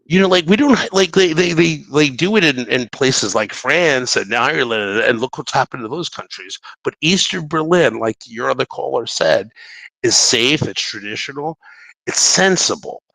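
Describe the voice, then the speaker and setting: A man's voice: medium pitch, expressive, moderate pace, creaky, pushed and bright, no room sound, low-quality recording. A man from Brooklyn, calling in to a talk show and speaking casually in a rambling, stammering way. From Brooklyn, New York. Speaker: call-in show caller. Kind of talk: casual political call-in talk.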